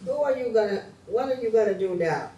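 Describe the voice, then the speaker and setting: A man's voice: high-pitched, animated, fast, mellow, dull audio, slight background noise. A man performing a role in a community stage show, laid-back and casual. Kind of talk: community stage opera acting. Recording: roomy stage sound from far off, faint music.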